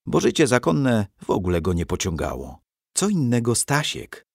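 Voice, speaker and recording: A man reading a children's adventure audiobook aloud with expressive storytelling. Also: on the low side, no room sound, clean studio sound. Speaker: narrator.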